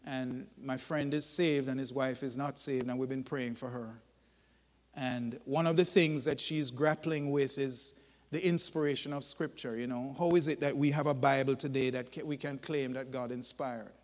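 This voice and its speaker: A man preaching a sermon, telling folksy stories in an animated, emphatic way. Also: medium pitch, normal speed, in a large hall.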